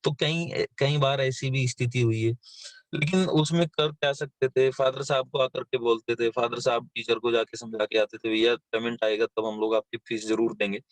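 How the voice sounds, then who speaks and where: A man's voice: medium pitch, level tone, moderate pace, dry recording. A man in his thirties from western Uttar Pradesh, telling his life story as an invited speaker in a motivational session, with plain storytelling and many fillers. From western Uttar Pradesh, India. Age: 30s. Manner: plain storytelling, frequent fillers and repeated words. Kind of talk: motivational talk on a live session.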